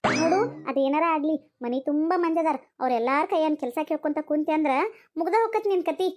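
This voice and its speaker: A rustic cartoon mother with a North Karnataka Kannada accent, worried about marrying off her daughter, voiced by a woman. She nags and lectures in a very high, thin voice. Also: fast, natural voice. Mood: lecturing. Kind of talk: cartoon voice acting.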